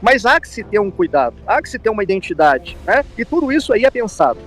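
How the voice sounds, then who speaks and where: A man's voice: high-pitched, very animated, fast talker, fairly bright tone, faint music behind. A man with a Brazilian accent giving commentary in an interview as a pastor, explaining with repetition and frequent tag questions. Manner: explanatory, repeats himself, seeks agreement with tag questions.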